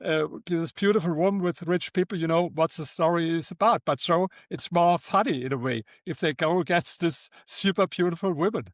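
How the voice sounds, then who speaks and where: Older German-accented man, halting, high voice. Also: dry recording, studio quality. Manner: halting, repeats words, non-native phrasing. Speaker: guest author. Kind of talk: interview conversation.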